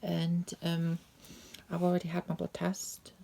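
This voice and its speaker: A woman telling a personal story as a vlogger, rambling and repeating herself, often slipping into soft half-whispers. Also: lowish voice, monotone, a little slow, gravelly.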